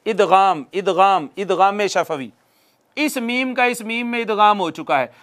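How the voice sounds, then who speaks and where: A male recitation teacher giving a classroom lesson, repeating definitions slowly for dictation and asking questions he then answers himself. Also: high voice, a bit bright.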